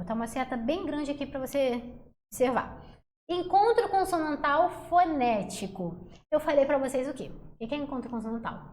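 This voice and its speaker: A woman teaching a Portuguese phonetics lesson for exam prep in a casual, chatty way, slowing down to sound out syllables. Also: high voice. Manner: casual, chatty, addresses class as galera and gente. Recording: roomy echo.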